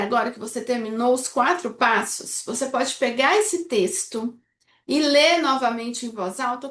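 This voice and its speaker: A Brazilian English teacher with a high, somewhat bright voice explains a speaking technique step by step in an instructional video lesson, checking in often with her students. The room sounds echoey.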